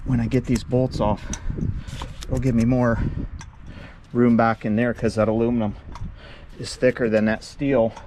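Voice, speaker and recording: A man's voice: mid-range voice, little pitch movement, unhurried, pauses often, background noise. A man casually narrating his own work on his trucks, rambling and laid-back with lots of fillers, recorded outdoors beside a truck. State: a little out of breath at times. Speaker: vlogger working on his trucks. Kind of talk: casual self-filmed narration.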